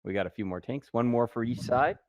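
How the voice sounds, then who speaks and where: A man co-casting a tank game match over voice chat, easygoing and quick to laugh. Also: medium pitch, dry recording. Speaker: co-caster. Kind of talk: esports commentary.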